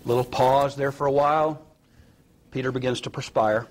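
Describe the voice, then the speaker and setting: A man preaching a sermon, retelling a story with sudden rises in pitch and drops to a near hush. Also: fairly even intonation, moderate pace. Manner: dramatic retelling with acted quotes, rising and dropping to a hush.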